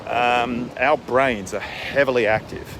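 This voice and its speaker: Male coach, conversational and emphatic, medium pitch, recorded outdoors with strong wind and water noise. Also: fairly even intonation, measured pace. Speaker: wellness coach for executives. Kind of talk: casual spoken advice vlog. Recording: windy outdoor mic, boat and water noise.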